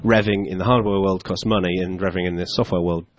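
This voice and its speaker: A man co-hosting a podcast, arguing his point quickly with many restarts and laughing often. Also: deep voice, steady tone. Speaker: podcast co-host. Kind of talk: casual panel chat.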